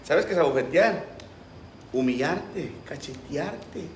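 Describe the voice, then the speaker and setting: A man's voice: on the high side, animated, slow pace, slight background noise. A pastor preaching a sermon with passion, acting out the voices he quotes. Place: church. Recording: roomy echo.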